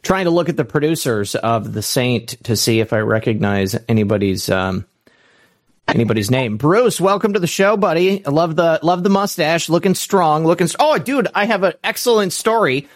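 A man's voice: on the high side, animated, moderate pace. A man hosting a livestream talk show, chatting in an upbeat, rambling way. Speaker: show host. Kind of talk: casual livestream chat.

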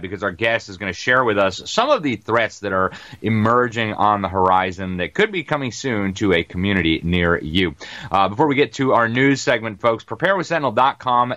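A man hosting a talk show, delivering rapid, emphatic news commentary and ad reads with many "uh" fillers, calling his listeners "folks.". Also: fairly low pitch, bright, forceful tone, dry recording. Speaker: show host. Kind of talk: fast-talking news commentary and ad read.

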